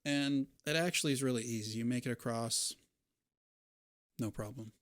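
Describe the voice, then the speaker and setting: Guy running a tabletop game, chatty narration, smooth clean voice, no room echo. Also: mid-range voice, moderate pace, fairly bright tone. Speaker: game master. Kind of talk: narrating a tabletop role-playing game, conversational.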